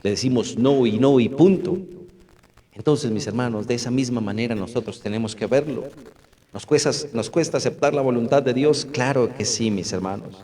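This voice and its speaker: A man's voice: mid-range voice, moderate pace, mellow. A middle-aged man, a pastor preaching a sermon to a congregation, often asking rhetorical questions and calling out to his brothers. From Colombia. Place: church hall with about fifty or sixty people. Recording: echoey church hall.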